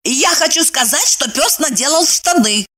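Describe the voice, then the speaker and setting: Flustered eager housekeeper woman, higher voice, as the reader does her. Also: expressive, moderate pace, bright, forceful tone. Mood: fussing. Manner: fluttering and flustered.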